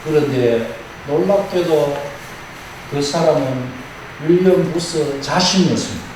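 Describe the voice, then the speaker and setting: A male pastor with a high, bright-pitched voice delivers a sermon, pressing key phrases again and again. He tells stories with energy. His voice carries from a distance through a very echoey sanctuary with faint noise behind. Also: unhurried. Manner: emphatic, repeating key phrases; animated storyteller. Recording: very echoey hall, far-off mic, faint noise.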